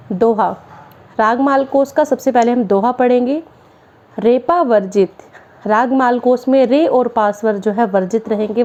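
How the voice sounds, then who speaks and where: A woman's voice: fairly high pitch, warm tone, highs cut off. A woman from Haryana, India, a music teacher giving a classroom-style music theory lesson, explaining each term step by step with simple definitions.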